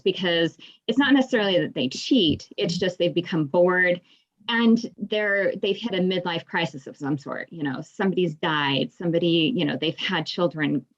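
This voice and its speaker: A woman in the audience of an online discussion talks at length, with many "you know"s. Her voice sits low, and the call audio sounds dull and lo-fi. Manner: rambling, frequent "you know". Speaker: audience member. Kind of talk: casual discussion on a video call. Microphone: video call.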